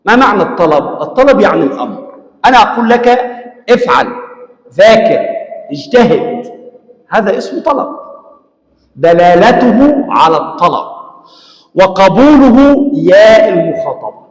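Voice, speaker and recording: A man teaching a classroom grammar lesson, explaining step by step, asking his students questions and drilling examples slowly. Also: high voice, sing-song. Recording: echoey hall with long reverb.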